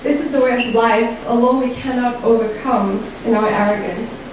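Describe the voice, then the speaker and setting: A woman performing a reflective spoken-word poem with slow, lyrical delivery. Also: a little high, steady tone. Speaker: poet. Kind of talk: spoken-word poetry reading. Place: live event room. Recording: echoey room heard from far off with background noise.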